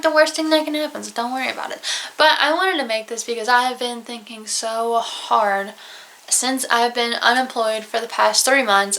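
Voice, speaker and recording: A woman's voice: on the high side, bright, forceful tone. A young woman with a Southern US accent, talking openly to camera in a personal vlog about a hard year. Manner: open, emotional, close to tears at times. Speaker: vlogger. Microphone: camera mic, alone at home.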